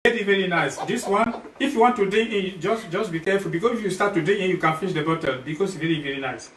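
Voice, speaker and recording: Here a man from Cameroon, with a Cameroonian accent, guest-presents health products he sells as a partner in a casual livestream pitch. His voice sits high with a fairly bright tone, and his delivery is halting, with phrases repeated and rephrased several times. The sound is distant, echoey, and noisy.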